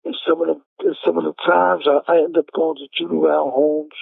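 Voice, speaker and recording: Gravelly New York man on a prison phone. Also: fairly high pitch, little pitch movement, no echo. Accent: New York City. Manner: halting, repeats words and restarts. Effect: prison payphone line. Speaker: incarcerated caller. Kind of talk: casual storytelling over a phone call. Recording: tinny prison phone line.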